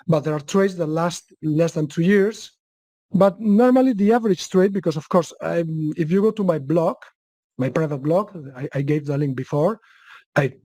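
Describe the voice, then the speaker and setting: A man with a Spanish accent, a guest presenter, gives a webinar talk and fields questions, frequently starting his sentences over. His voice sits a little high with a darkish tone, and the recording has no echo.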